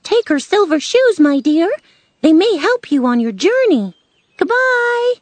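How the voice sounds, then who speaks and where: Woman voicing a high, singsong Good Witch of the North. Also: sing-song, a little slow, dry recording, full character voice. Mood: reassuring. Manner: gracious, warmly reassuring. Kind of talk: storybook character voice.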